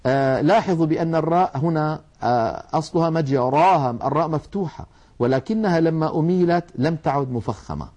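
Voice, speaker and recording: Mellow-voiced man teaching recitation. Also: fairly high pitch. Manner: patient explaining, drawing out sounds to demonstrate. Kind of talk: religious lesson on recitation rules.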